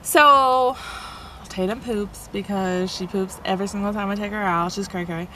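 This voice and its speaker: A young woman telling a story in a casual vlog, animated and rambling, full of fillers. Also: mid-range voice, normal speed, a little hiss or hum. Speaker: van life vlogger. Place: inside a parked camper van.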